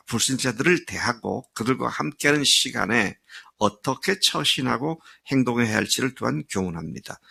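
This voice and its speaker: A middle-aged man preaches with earnest emphasis, stretching key phrases and pausing on small fillers. His voice sits low and gravelly. It carries a husky grain and a sharp, bright edge. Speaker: pastor. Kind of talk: sermon.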